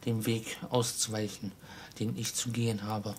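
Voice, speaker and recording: A man reading the part of a chained ghost of an old miser, speaking in a solemn, slow, mournful way. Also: on the low side, level tone, slight background noise, natural voice. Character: ghost of an old male miser, grave, sorrowful, bound in chains.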